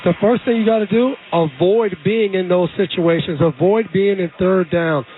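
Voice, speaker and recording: Male color analyst, casual and confident, fairly high pitch, phone-thin radio sound. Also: normal speed. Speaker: analyst, former player. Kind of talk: radio sports commentary. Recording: phone-like band-limited radio audio.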